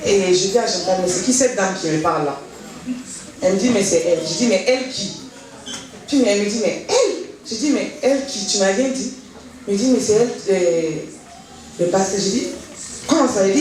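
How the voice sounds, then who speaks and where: A woman giving a personal church testimony, telling her story with animation and acting out the dialogue she remembers. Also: mid-range voice. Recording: very echoey hall, voice from far off, faint noise.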